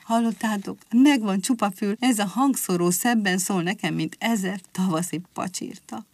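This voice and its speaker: A woman voicing a loving, excitable mother rabbit who talks emotionally and in a rush. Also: medium pitch, dry recording, natural voice. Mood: excited. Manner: warm, emotional, rushing.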